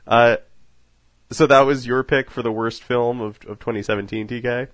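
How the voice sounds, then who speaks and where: A man's voice: medium pitch, steady tone, moderate pace, no echo. A man hosting a casual film podcast, joking and laughing often as he talks. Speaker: podcast host.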